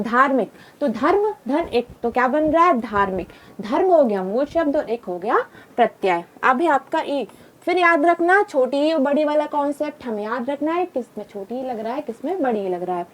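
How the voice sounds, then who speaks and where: A young woman teaching a grammar lesson, repeating examples and quizzing the viewer with reminders. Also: high-pitched. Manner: repetitive, drilling with reminders and quiz questions.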